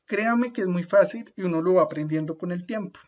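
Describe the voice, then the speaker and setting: A man gives an easygoing online lecture in a slightly high voice. He talks patiently, pausing to make sure everyone follows and drawing out the hard Latin names. His voice comes through muffled video call audio. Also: darkish tone. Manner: friendly, patient, often checks in with "¿listo?"; slows down to spell out Latin names. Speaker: speaker at an online talk. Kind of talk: informal lecture.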